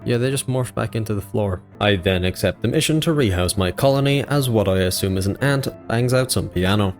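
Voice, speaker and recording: A man's voice: on the low side, a little fast, faint music behind. A man narrating his gameplay as a gaming YouTuber, in a dry, joking scripted voice-over.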